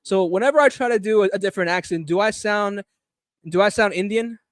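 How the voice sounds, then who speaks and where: High, smooth-voiced man hosting a stream. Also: brisk, dry recording, studio quality. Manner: playful, joking, laughs often. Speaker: livestream host. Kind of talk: casual streaming banter.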